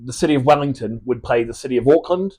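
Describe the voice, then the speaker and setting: A mellow, mid-range male voice with a breathy edge moves at a quick pace. He's an Australian in his thirties whose accent blends Australian and New Zealand, rambling as a podcast guest in casual chat, restarting sentences and swearing.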